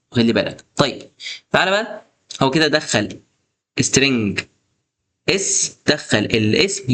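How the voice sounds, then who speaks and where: A young programming instructor with an Egyptian Arabic accent and a medium-pitched, slightly bright voice teaches coding in a screen-recorded tutorial. He's chatty and coaxing, often speaking straight to the viewer and calling them "boss" and "star."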